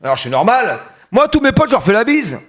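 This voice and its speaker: Excitable high-voiced male streamer. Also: fast talker. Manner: excitable, loud outbursts, joking. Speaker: live streamer. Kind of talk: casual live-stream chat.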